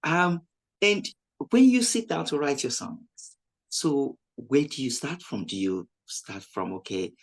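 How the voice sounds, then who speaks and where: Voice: medium pitch, lively intonation, takes it slowly. A radio interviewer asking questions in an encouraging way, with many "you know" fillers.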